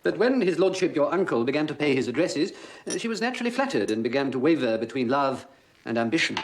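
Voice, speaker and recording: An unflappable, formal valet. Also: male voice, a little high, sing-song, slight background noise. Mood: formal, measured. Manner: formal, measured, deferential.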